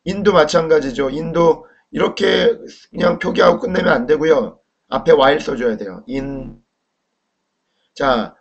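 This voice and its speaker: A man teaching Chinese pronunciation in a lecture, slow and deliberate, often asking questions to the viewer. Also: fairly high pitch. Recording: dull lo-fi recording.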